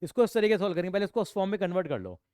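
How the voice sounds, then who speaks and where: Male tutor, walks students through each step with quick questions, smooth and dry. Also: sits high, very animated, dark tone, dry recording. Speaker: accounts and maths tutor. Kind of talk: classroom teaching.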